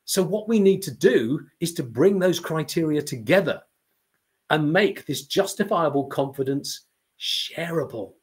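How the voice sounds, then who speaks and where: Man, middle-aged, lively storytelling lesson, slightly higher pitch. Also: measured pace. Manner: animated storyteller, acts out imagined reactions. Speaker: communication trainer. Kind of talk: lecture-style talk to camera.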